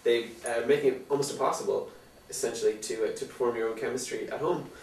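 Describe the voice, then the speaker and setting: Male co-host, irreverent deadpan humour; roomy room, distant mic. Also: medium pitch, quick pace, gravelly, slight background noise. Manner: irreverent, laughing, deadpan dark jokes. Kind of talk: joking tech news chat.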